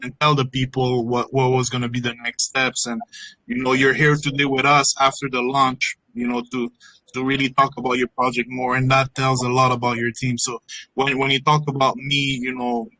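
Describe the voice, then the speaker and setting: A man's voice: mid-range voice, level tone, normal speed, pushed and bright, no echo, rough recording. A man from Morocco, hosting an online AMA with enthusiasm, repeating words and joking. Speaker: AMA host.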